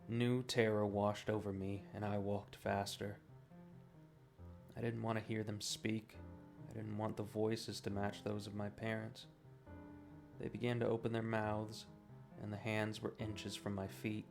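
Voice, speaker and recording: Low, gravelly man narrating horror. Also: level tone, a little slow. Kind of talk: scripted first-person horror story narration. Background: guitar music.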